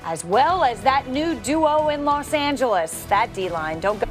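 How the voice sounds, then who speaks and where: Brisk woman hosting a TV sports show. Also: high-pitched, very animated, faint music behind. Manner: brisk, playful banter with co-hosts. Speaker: studio host. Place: TV studio.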